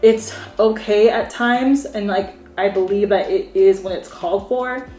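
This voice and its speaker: A woman's voice: mid-range voice, a little slow, warm tone, faint music behind. A young American woman giving her frank, opinionated take as a beauty vlogger, chatting casually with lots of "like"s. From United States. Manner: frank, opinionated, conversational with many "like"s. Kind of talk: candid opinion vlog. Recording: roomy echo.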